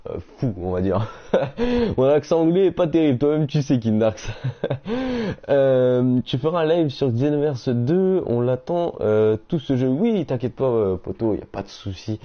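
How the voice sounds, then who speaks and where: A young man chatting casually on a game live stream, reading out viewers' messages and answering them in slangy, relaxed talk. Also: medium pitch, a little slow. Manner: slangy, reads chat aloud and answers viewers. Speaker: gaming streamer. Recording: dull lo-fi stream audio.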